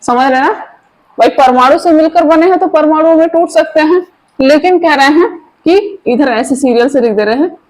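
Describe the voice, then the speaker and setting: A woman with a high, light voice giving an online chemistry lesson. She talks informally and keeps firing quick questions at her students, coaxing them to answer straight away. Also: a little mellow, low-quality recording. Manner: chatty, asks the viewers quick questions. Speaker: chemistry teacher.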